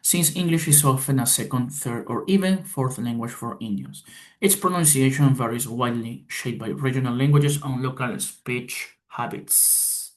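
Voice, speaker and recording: Halting man reading a class presentation. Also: mid-range voice. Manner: halting, with pauses and restarts. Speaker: student presenter.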